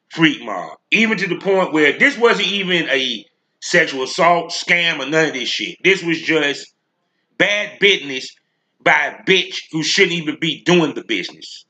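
A man's voice: on the high side, sharp tone. A man hosting a solo podcast rant, speaking bluntly and emphatically with heavy slang and profanity. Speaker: podcast host.

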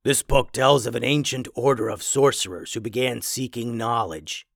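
A man voicing a towering, bookish male werewolf librarian who lectures in a measured way. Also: mid-range voice, creaky, fairly bright tone, no room sound, clean studio sound. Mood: lecturing.

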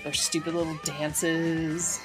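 Chatty woman podcaster, really low voice, laughs a lot, lots of likes and ums. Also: level tone, slow pace, music in the background. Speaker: podcast co-host. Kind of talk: casual podcast chat.

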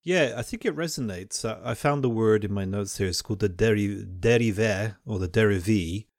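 A university teacher who hosts a podcast speaks in a lowish, brisk, slightly mellow voice, thinking aloud in an academic way and often restarting his phrases. It's a reflective, conversational discussion, recorded cleanly in a studio with no room sound.

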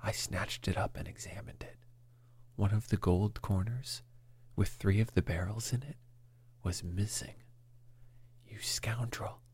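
A man reading an old story in a whisper, calm and even. His voice is extremely breathy and low-pitched. He takes it at an unhurried pace. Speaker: reader.

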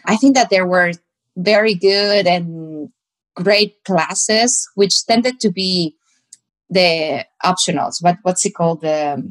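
A woman pastor from Mexico answers interview questions reflectively, with a Mexican Spanish accent, sometimes searching for the right words. Her voice is on the low side and slow.

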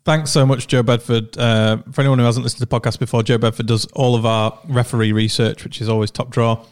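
Man, quick talker, mid-pitched, leads the chat on a football podcast. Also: level tone, clean tone. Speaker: podcast co-host.

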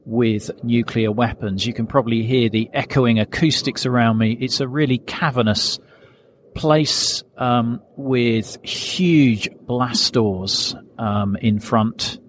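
A man's voice: medium pitch, steady tone, slow, a little hiss or hum. Man speaking in a big echoing hall. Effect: big hall echo from a cavernous hangar. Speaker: tour narrator. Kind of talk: recorded on-site commentary. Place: inside a huge concrete aircraft hangar. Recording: echoey hangar, slightly off mic.

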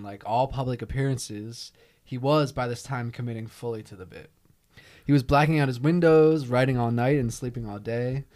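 A man's voice: medium pitch, darkish tone. A man co-hosting a podcast, reading scripted narration and breaking into wry, quibbling banter. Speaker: podcast co-host.

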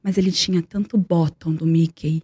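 A woman's voice: on the low side, steady tone, moderate pace, mellow, slightly rough, no echo. A young woman telling a personal story in earnest, repeating words for emphasis. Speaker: guest.

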